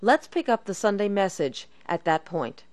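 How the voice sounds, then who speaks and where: A woman's voice: mid-range voice, big pitch swings, normal speed, no echo. A woman reading a scripted introduction as the host of a Bible study radio program.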